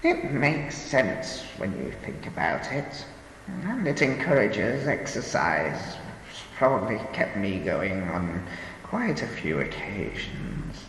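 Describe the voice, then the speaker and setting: A man voicing an ancient, frail, weary old woman in an audiobook, speaking in a slow, quavering, soothing way. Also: lowish voice, sing-song, gravelly, a bit bright, exaggerated voice. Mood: grave. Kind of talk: audiobook character reading. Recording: roomy echo, long reverb, faint hiss.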